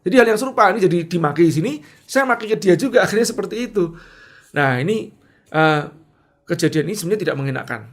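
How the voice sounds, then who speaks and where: A middle-aged man with a somewhat high-pitched voice tells a personal story in a monologue. He acts out his past outbursts with sudden raised shouts, then sinks into a hushed, self-questioning tone as he reflects. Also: expressive, fast. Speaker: speaker sharing leadership lessons.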